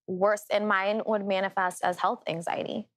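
Animated woman with heavy Dakota accent. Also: medium pitch, normal speed. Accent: North or South Dakota. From Dakotas, United States. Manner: animated, chatty, heavy use of "like". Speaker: reality show cast member, guest. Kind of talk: candid casual interview.

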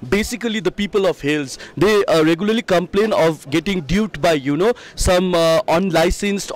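A man's voice: high-pitched, dry recording, poor audio. A man in his thirties interviewing a guest at an expo stall with a handheld mic. He asks long, wandering questions full of "uh"s and "like"s, sliding between English and Nepali.

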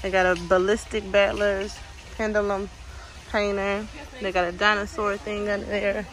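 A young woman and her son shop in a big store as she casually narrates for her vlog, reading out items and prices. She talks at normal speed with a medium pitch and little pitch movement, recorded on a handheld phone that catches plenty of busy-store noise.

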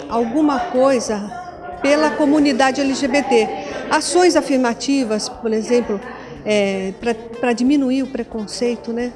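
A woman in her fifties gives an on-camera interview in an indoor meeting room, holding a handheld mic. She speaks slightly high and stops often to restart her sentences. Music plays clearly underneath her. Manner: hesitant, many restarts and fillers. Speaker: commission president. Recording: music bed behind the voice.

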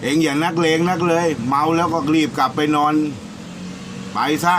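A man playing a gruff old man who sternly scolds drunk young students. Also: fairly high pitch, fairly even intonation, normal speed, noisy background, voice pushed up, natural voice.

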